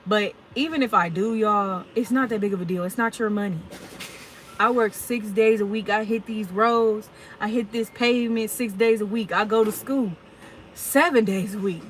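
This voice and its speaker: A woman's voice: mid-range voice, moderate pace, slight background noise, rough recording. A woman in her twenties, a truck driver chatting casually and candidly to her viewers in a live Q&A, full of y'all and ums. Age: 20s. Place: at work, unloading her truck.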